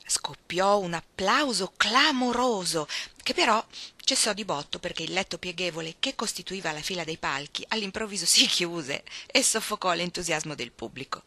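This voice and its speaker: A woman narrating a classic novel aloud in an expressive storytelling manner. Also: lowish voice, moderate pace, no echo. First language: Italian. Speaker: reader. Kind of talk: audiobook narration.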